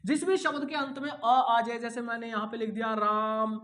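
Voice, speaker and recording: A man's voice: extremely high pitch, level tone, moderate pace, fairly bright tone. A male Hindi teacher giving an exam-prep grammar lesson. He repeats key words, asks questions and answers them himself, and calls his students son and brother.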